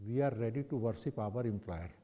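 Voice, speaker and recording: A man's voice: lowish voice, expressive, brisk, mellow. North Indian man preaching in a reverberant hall. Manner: didactic, poses rhetorical questions to listeners. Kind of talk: religious discourse in English with Hindi and Sanskrit phrases.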